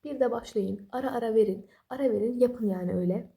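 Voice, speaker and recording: With a slightly high, mellow voice full of vocal fry, a young woman speaks quickly while sharing casual late-night study advice at home. A study vlogger with no external mic, she's sleepy and apologetic, rambling along with small self-deprecating jokes.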